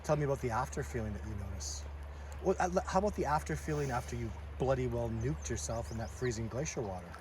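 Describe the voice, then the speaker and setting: A man's voice: mid-range voice, lively intonation. Middle-aged man interviewing outdoors, off-mic. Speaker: interviewer and coach. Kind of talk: casual interview chat. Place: outdoors by a cold river. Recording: distant mic, loud rushing water noise.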